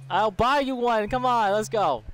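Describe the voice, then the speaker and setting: A man's voice: high-pitched, normal speed, background noise. A man teasing his teammate and laughing, apologizing often while playing a co-op game. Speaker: gamer playing co-op. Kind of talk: casual gaming commentary.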